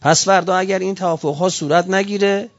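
A man's voice: high-pitched, fairly even intonation, muffled recording. A man giving an impassioned speech, firing off heated rhetorical questions one after another. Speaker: speaker giving a political talk.

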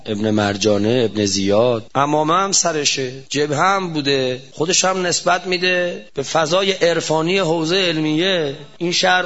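A man delivering a fervent religious sermon in a fairly high voice. He presses his listeners with rhetorical questions and speeds up or slows down abruptly. The recording sounds dull and lo-fi. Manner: fervent, rhetorical questions, sharp shifts of pace. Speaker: preacher.

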